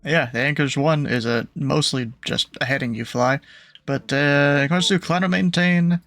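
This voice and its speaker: Creaky, higher-voiced young-sounding male controller. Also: fairly even intonation, moderate pace, fairly bright tone, no echo. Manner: informal, hesitant phrasing. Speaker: air traffic controller in a flight simulation. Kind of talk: air traffic instructions mixed with casual chat.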